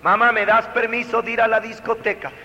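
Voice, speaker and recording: A man's voice: very high voice, flat delivery, a little fast, bright, forceful tone, in a large hall, lo-fi sound, a little hiss or hum. A man voicing a teenage son who pleads with his parents for permission to go out, in a whiny tone. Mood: pleading.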